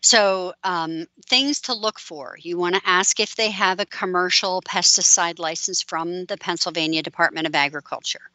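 Woman, extension educator, practical explainer, bright edge, dry close sound. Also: fairly low pitch, moderate pace, few pauses, no echo, rough recording. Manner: practical, explanatory, plain-spoken. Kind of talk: expert answering questions.

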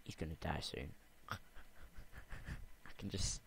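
A young man with a deep, gravelly voice chats through his game session at an unhurried pace. He rambles, mutters and repeats words under his breath as he plays. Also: a little hiss or hum. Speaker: gamer. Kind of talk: game commentary.

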